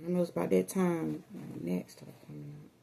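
A woman's voice: fairly low pitch, sing-song, brisk, gravelly, warm tone. An American woman chatting casually to viewers over a meal, chewing while talking, recorded on a phone in a room at home. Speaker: mukbang vlogger. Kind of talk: casual eating chat. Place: small room at home, indoors. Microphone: phone at arm's length. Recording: faint room noise.

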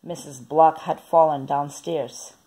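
Woman storyteller, low husky voice, expressive children's book reading. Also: slow pace. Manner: lively, expressive. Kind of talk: children's picture book read-aloud.

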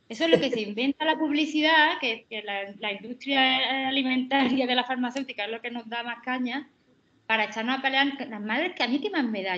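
A woman's voice: high voice, fairly bright tone, lo-fi sound. A woman with a Spanish accent, a mother in the group, joining over a call and speaking her opinions emphatically. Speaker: mother in the group, audience member. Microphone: remote call microphone.

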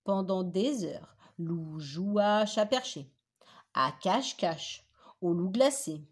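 Woman teacher, children's story read-aloud, very expressive, swooping pitch. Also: slow pace, breathy edge.

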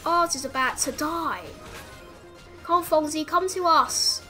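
A woman giving excited gameplay commentary as a gaming channel host, breaking into shouts and yelps at the action. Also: high-pitched, measured pace, faint music behind.

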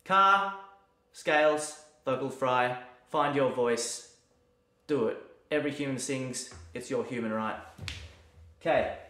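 A man giving a relaxed, chatty music lesson at home, sometimes breaking into sung scales to demonstrate. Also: mid-range voice, a little slow, echoey room. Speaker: piano and music teacher. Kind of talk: casual video lesson. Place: room at home during lockdown. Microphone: mic near the camera.

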